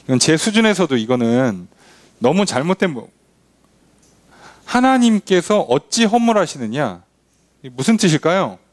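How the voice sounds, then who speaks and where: A man's voice: on the high side, very animated, normal speed, long pauses. A male pastor leading a Bible study, explaining verses in a conversational way and asking his class questions. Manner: acts out imagined objections in a blunt informal voice. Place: church.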